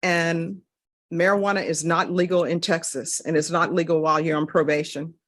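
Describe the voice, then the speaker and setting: A woman presiding as judge in a courtroom recording, putting formal questions in a brisk, businesslike way. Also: low-pitched, little pitch movement, a bit bright. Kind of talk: formal plea hearing questioning.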